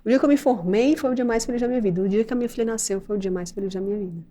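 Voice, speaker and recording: A woman's voice: medium pitch, rapid-fire, mellow. A middle-aged woman with a Brazilian accent, a doctor and mother hosting a podcast, who tells stories animatedly and acts out the scenes. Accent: Brazilian Portuguese. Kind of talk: casual podcast conversation.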